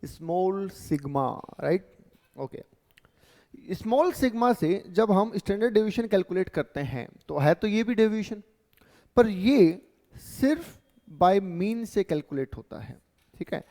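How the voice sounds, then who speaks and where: A man's voice: sits high, lively intonation, measured pace, mellow, in a large hall. A male teacher giving a classroom lecture, explaining step by step and checking in with "right" and "okay".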